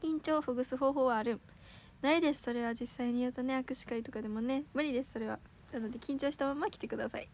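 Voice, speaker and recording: A teenage girl with a Kansai accent, hosting a casual livestream, chatty and giggly, reading comments aloud and correcting herself quickly. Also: high voice, fairly even intonation, a little hiss or hum. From Osaka, Japan. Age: teens. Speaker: idol livestream host.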